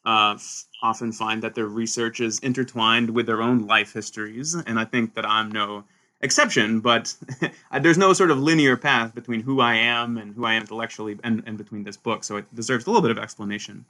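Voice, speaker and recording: Bright-voiced animated male historian. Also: medium pitch, a little fast. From Sweden. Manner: animated, frequent restarts and "right?" tags. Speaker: historian, author guest. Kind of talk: conversational interview answers.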